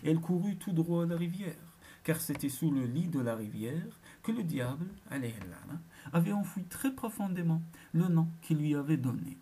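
A storyteller reading a folk tale aloud, unhurried and expressive. The voice is mellow and dark, sitting at a middle pitch. Each phrase is given its own shape. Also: husky.

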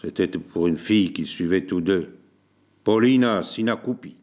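A man reading a literary story aloud as narrator, in a measured, deliberate way. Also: deep voice, darkish tone.

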